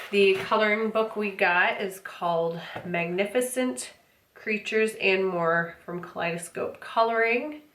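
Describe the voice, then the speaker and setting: A woman's voice: fairly low pitch, a bit bright. An American woman with a wheezy, congested, out-of-breath voice chats casually as she hosts an unboxing review. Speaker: host of an unboxing channel. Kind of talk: casual chat, product review. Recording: roomy echo, clear background noise.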